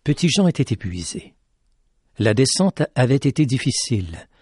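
A man narrating a tale in an expressive, dramatic reading style. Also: medium pitch, moderate pace, husky, dry recording. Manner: dramatic, rising with tension. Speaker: storyteller.

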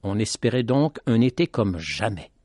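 A man's voice: on the low side, big pitch swings, moderate pace, a little mellow, no room sound. Radio guy narrating a story, dramatic reading, dry close sound.

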